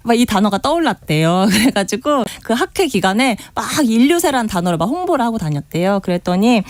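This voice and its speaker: A woman's voice: a little high, sing-song, fairly quick, dry recording. A woman guest on a radio current-affairs show, explaining a science topic in a chatty way with many fillers. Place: radio studio.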